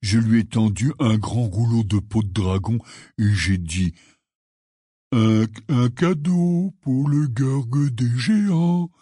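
A man reading the part of a huge, gruff but kindly half-giant gamekeeper in an audiobook, telling his tale in a rambling, earnest way. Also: medium pitch, animated, takes it slowly, dark tone, dry recording, studio quality. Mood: rueful.

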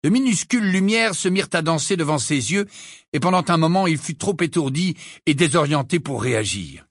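A man reading an audiobook aloud with dramatic, expressive narration. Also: a little high, a little fast, no echo, studio quality.

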